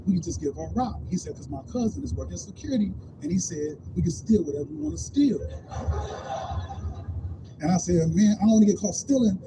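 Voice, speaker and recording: A man with a high voice tells a story in a loose, animated way, acting out everyone's lines. The live stream is noisy behind him. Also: fairly quick. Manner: animated, acts out quotes in different voices. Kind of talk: casual stand-up style storytelling.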